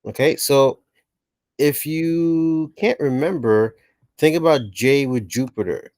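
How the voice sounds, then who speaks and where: A man's voice: mid-range voice, slow, darkish tone, no echo. Man teaching in casual tag-question style. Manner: conversational, frequent "okay" and "right" checks. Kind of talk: explainer lesson narration.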